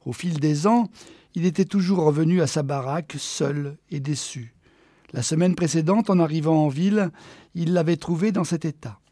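A man with a fairly high voice narrates a short story as an audiobook. The sound is close and dry, and his reading is expressive, easing off for the quiet passages. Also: no room sound. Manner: expressive, slowing for quiet moments.

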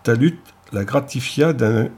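Husky guy narrating an audiobook, steady, even. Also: medium pitch, a little slow.

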